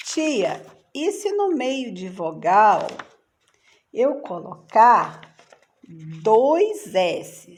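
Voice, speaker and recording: A Brazilian woman teaching young children a spelling rule in a patient, sing-song teacher voice. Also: mid-range voice. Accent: Brazilian Portuguese.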